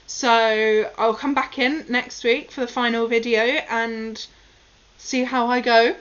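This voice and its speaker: This is casual self-recorded practice, with a woman running through tongue twisters and articulation exercises and remarking on her tries. Her voice is on the high side, smooth and fairly bright, delivered slowly in a level tone, and the recording quality is dull and lo-fi.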